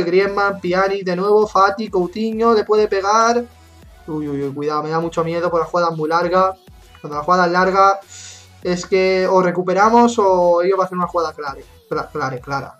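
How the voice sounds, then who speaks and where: A woman in her twenties with a Spain Spanish accent, commentating her own gameplay live, excitable and swearing often as she rants. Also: lowish voice. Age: 20s. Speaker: gaming YouTuber.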